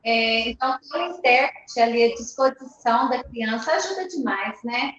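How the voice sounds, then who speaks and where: A woman host asks her guest conversational questions, thinking aloud as she goes. Her voice is high. She sounds like she is in a very echoey room, and the audio is muffled with a faint hiss behind it. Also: animated, normal speed, fairly bright tone. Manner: hesitant, thinks aloud with many "é" fillers.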